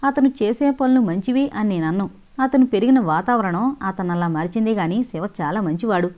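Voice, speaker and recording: A woman's voice: medium pitch, lively intonation, moderate pace, a little mellow, highs cut off, lightly acted. A woman voicing a compassionate young woman who talks in an earnest, pleading way, in an audio novel. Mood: earnest, indignant.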